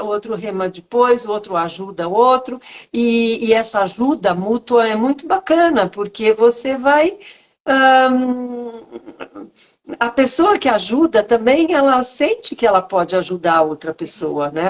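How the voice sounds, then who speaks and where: A woman guest, a speech therapist, chatting on a video call and telling stories with animated, shifting intonation. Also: fairly high pitch, a little slow, highs cut off. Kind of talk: casual video-call conversation.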